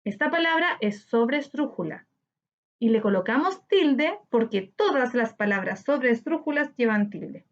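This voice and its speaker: A woman teacher with a Chilean Spanish accent, slowly explaining a grammar lesson to children and stretching words out syllable by syllable. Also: on the high side, lively intonation. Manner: slow, clear, syllable-by-syllable teaching delivery. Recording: slightly dull lo-fi audio.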